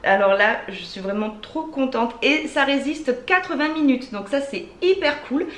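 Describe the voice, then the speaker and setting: A woman's voice: high-pitched, animated, moderate pace. A woman with a French accent, chatting enthusiastically through a beauty product haul, with many fillers. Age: adult with children. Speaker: beauty vlogger. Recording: echoey room, faint ambient noise.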